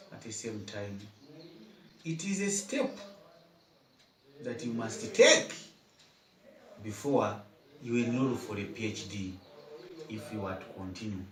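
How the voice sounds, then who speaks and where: Guy in his 50s, lowish voice, formal and measured, a bit far from the mic. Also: a little hiss or hum. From Uganda. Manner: measured, formal phrasing with repeated words. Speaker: guest, head teacher. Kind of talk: formal interview answers. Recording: echoey room, mic at a distance.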